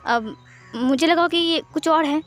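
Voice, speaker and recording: A woman's voice: high voice, measured pace. A woman voicing a grumpy young man who talks curtly and mutters. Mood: irritated. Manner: curt, muttered. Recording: faint background music.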